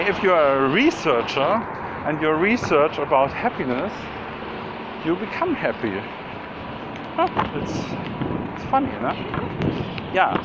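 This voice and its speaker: German guy thinking out loud outside, slow and rambly, loud street and boat noise, muffled. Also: sits high. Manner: slow, meandering, many fillers and restarts. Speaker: vlogger. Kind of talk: rambling spoken musing. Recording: loud outdoor noise, dull sound.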